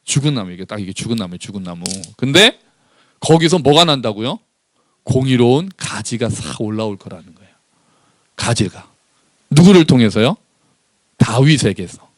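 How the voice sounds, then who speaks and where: A male pastor giving a sermon, asking his congregation questions and slowing down to read scripture aloud together with them. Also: mid-range voice, big pitch swings, no room sound.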